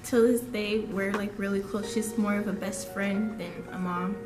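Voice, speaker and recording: A woman's voice: mid-range voice, steady tone, normal speed. Casual young woman from Florida. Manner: casual, uses "like" a lot. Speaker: interviewee. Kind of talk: casual recollection. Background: music.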